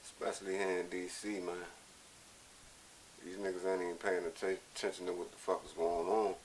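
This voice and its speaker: An American man giving a blunt, profane, impassioned monologue, sounding drunk and rambling, with halting repeats and a gravelly voice. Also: deep voice, level tone. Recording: hissy, noisy amateur recording.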